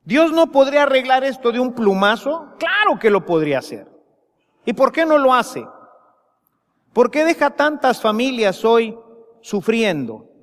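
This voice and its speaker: A Mexican man preaches with a high, ringing voice, taking each phrase slowly and with weight. His pleas swell with feeling, and his words hang in a long church reverb. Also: big pitch swings. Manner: slow and emphatic, rising to impassioned pleas. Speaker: priest. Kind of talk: sermon.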